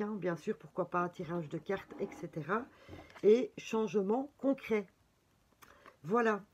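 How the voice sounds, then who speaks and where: A woman with a Belgian French accent gives a casual horoscope reading with cards, chatty and full of fillers and exclamations. Her voice is medium-pitched and darkish, with a little hiss or hum in the recording. She is a tarot reader.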